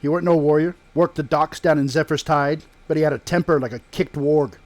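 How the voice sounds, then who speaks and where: A man's voice: a little high, fairly even intonation, a little fast, a little mellow, close to an everyday voice. Male player as proud village smith for fantasy tabletop game; rustic speech, spins family legends like gossip. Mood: proud, amused. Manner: rustic dialect, storytelling like sharing gossip. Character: proud, folksy male blacksmith recounting family lore. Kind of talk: in-character tabletop role-play storytelling.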